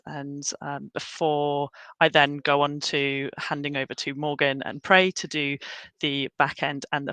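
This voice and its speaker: A woman's voice: low voice, fairly bright tone, clean tone, dry recording. A British woman hosting a webinar over a video call, chatting in a friendly way with many fillers. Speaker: graduate recruitment advisor hosting a webinar.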